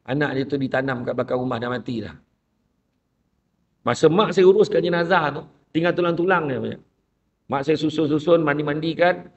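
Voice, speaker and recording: Animated Malaysian Malay male panelist with a fairly high voice, recorded from across the room. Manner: animated storyteller who acts out quoted voices. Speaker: panelist and motivational speaker. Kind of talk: lively debate talk show. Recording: distant, dull lo-fi sound.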